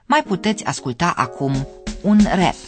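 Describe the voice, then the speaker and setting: Radio lesson host, scripted narration, animated intonation, addresses listeners directly. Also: medium pitch, soft background music.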